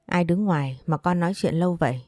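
A woman's voice: fairly low pitch, fast, warm tone, no room sound, clean studio sound, natural voice. A woman reading the lines of a weary, remorseful older mother in an audio story, with a sorrowful manner. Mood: pleading. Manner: pleading, sorrowful.

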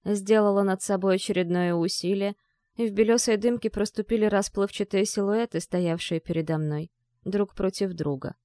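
A woman's voice: mid-range voice, moderate pace, mellow, dry recording, clean studio sound. A woman narrating a first-person story in an emotional, vivid storytelling manner.

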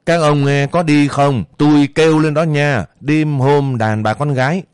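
Brief: scolding young village woman, voiced by a man reading a story, higher than his own voice. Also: fairly even intonation, a little mellow, clean tone, no echo, clean studio sound, lightly acted. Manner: scolding, quick and insistent. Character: sharp-tongued young village woman, protective mother.

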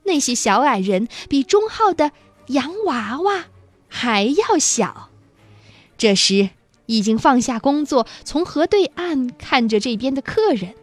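A woman storyteller reading a children's book aloud, expressive and animated, talking to young listeners. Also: high-pitched, slow, no room sound, soft background music.

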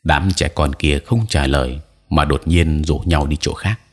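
A man narrating a folk ghost story in a steady, plain-spoken manner. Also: rumbling low, a little slow, slightly rough. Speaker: audiobook narrator.

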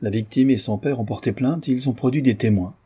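A man's voice: mid-range voice, warm tone, husky, pitched above the performer's own voice. Man voicing a grave old general. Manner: measured, solemn storytelling. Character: grave older general telling a scandal.

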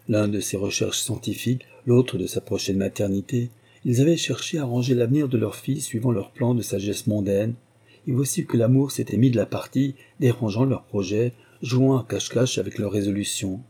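A man narrating a classic novel in a measured, literary reading. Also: mid-range voice, warm tone, breathy edge. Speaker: audiobook narrator. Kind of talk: scripted narration.

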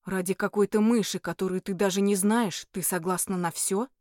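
A woman's voice: medium pitch, fairly even intonation, moderate pace, a little mellow, no room sound, clean studio sound, lightly acted. A woman voicing a stern male demon who speaks curtly and demandingly. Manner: curt, demanding.

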